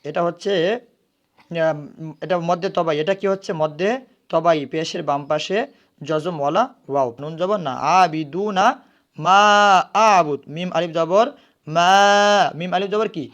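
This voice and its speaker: A man teaches recitation. He spells words out letter by letter, asks questions and answers them himself, then chants the words slowly. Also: on the high side, steady tone, fairly bright tone, highs cut off.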